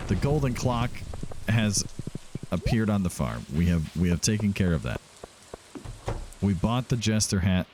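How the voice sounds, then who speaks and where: A man with a fairly low-pitched voice provides casual let's-play commentary against a noisy background. He talks to himself and to the game characters as he plays.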